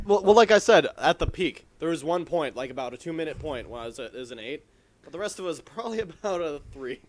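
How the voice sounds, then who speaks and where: A man's voice: fairly high pitch, lively intonation, fast. Tipsy man chatting about films. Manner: tipsy, loose and repetitive. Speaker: film review panelist. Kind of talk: casual group chat.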